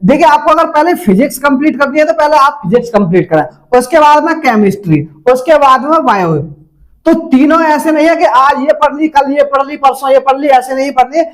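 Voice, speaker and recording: Talking briskly in a very high voice, an exam-prep adviser offers casual tips and addresses his viewers directly. He's instructive and goes over each step more than once. The recording is rough.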